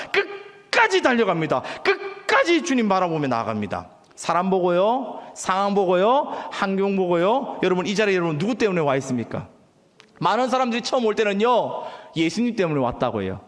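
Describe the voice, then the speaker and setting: A man's voice: sits high, very animated, brisk. A man preaching as pastor to his congregation, delivering an emphatic sermon with questions that he has the crowd answer back. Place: church sanctuary. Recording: long hall reverb.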